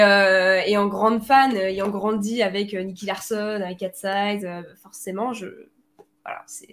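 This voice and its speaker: A woman chats over a video call, rambling and correcting herself as she goes. Her voice sits at an ordinary middle pitch. She keeps an easy, conversational flow. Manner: chatty, hesitant with many fillers. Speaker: podcast panelist. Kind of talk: casual online chat. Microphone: home computer mic on a video call.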